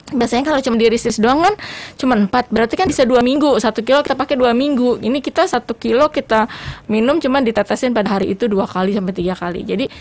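A woman's voice: a little high, fast talker, a little mellow. A woman doctor as a talk-show guest, explaining informally with everyday examples.

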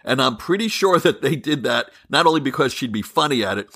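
A man hosting a political debate podcast, talking in an animated, ranting way and chuckling often. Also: mid-range voice, a little fast. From California. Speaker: podcast host. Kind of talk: casual political debate chat.

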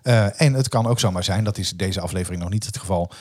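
A man from Brabant with a soft G accent, co-hosting a casual podcast in an upbeat, welcoming way. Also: sits low, fast. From Brabant, Netherlands. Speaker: podcast co-host. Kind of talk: casual chat.

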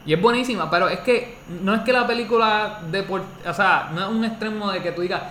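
Young man, high bright voice, rambling co-host, echoey room. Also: brisk. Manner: animated, rambling with restarts. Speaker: podcast co-host. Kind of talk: casual chat. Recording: echoey room with faint noise.

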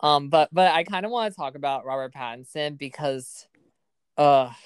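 Chatty low-voiced woman podcast host. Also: normal speed, clear, resonant tone. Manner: chatty, heavy use of "like". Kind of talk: casual film review chat.

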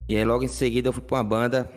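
A man's voice: mid-range voice, level tone, racing. A Brazilian man, a musician guest, telling stories casually in an interview in a plain-spoken, repetitive way.

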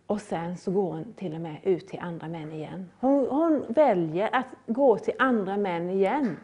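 A middle-aged woman preaching a sermon, earnest and repetitive, with loud rising appeals. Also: a little high, slightly rough.

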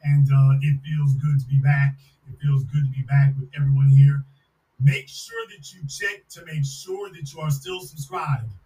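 A man's voice: medium pitch, steady tone, normal speed, dark tone. A man hosting a live-stream podcast, ranting emphatically and repeating slogans with a mocking edge. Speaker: podcast host. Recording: roomy sound from a distant mic.

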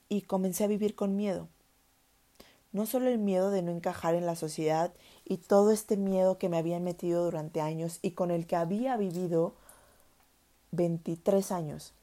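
A woman's voice: fairly low pitch, mellow. A young woman telling her own story in a candid, earnest way, repeating words for emphasis. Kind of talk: personal storytelling monologue.

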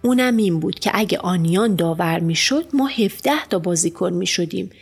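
A woman narrating a children's storybook in the first person as a schoolboy, with lively, expressive storytelling. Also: lowish voice, gravelly, slightly rough. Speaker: audiobook narrator. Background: faint music.

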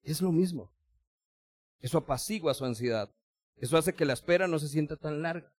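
Recorded dry with clean studio sound, a male preacher with a higher voice speaks fairly quickly. His sermon is conversational, and he addresses listeners directly and formally while acting out small everyday scenes.

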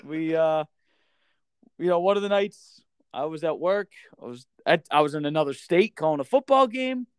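A man's voice: a little high, expressive, moderate pace, clear, resonant tone, no room sound, clean studio sound. A man co-hosting a casual podcast, swearing freely and acting out quotes as he tells stories. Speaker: podcast co-host.

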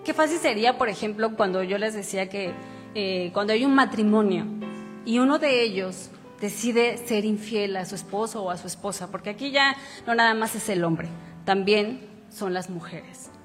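A woman's voice: medium pitch, normal speed. A woman preacher giving a conversational sermon, reading scripture aloud and asking rhetorical questions. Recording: reverberant hall with faint music. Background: faint instrumental music.

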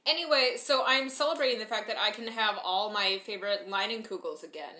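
A woman's voice: mid-range voice, a little fast, sharp tone. A young woman co-hosting a casual chat over beers at home, telling stories in a chatty, upbeat way. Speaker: podcast co-host. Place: living room at home. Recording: echoey room.

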